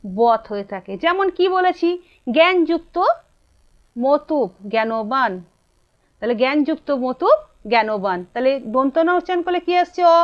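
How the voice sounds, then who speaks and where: A woman's voice: high voice, expressive, normal speed, pauses often. A woman with a Bengali accent teaching a grammar lesson, asking her students questions and answering them herself. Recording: dull lo-fi sound.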